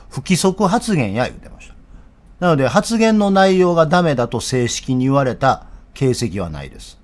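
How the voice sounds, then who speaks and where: Kansai-accented male commentator, mid pitch, lively swinging delivery, blunt and sardonic. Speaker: political commentator. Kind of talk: casual spoken commentary.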